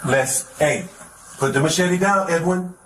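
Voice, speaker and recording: A male police officer negotiating calmly, repeating the same pleas over and over inside a building. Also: a little high, measured pace. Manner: calm, insistent, repeats pleas. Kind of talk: crisis negotiation. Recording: echoey body camera audio with background noise.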